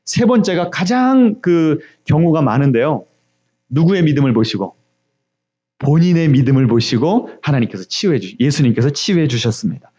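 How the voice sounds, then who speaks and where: A man preaching a sermon as pastor, questioning the congregation and moving from loud cries to near whispers. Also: on the high side, expressive, normal speed, slightly rough, highs cut off. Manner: preaches with questions to the congregation, dramatic shifts in loudness.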